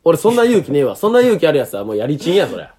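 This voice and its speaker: A man with an Okayama dialect, talking at a rapid clip with a voice that leaps up and down. He is a comedian in talk-show banter, blunt and argumentative. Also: fairly high pitch, huge pitch swings, darkish tone, slightly rough. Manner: blunt ranting in western Japanese dialect.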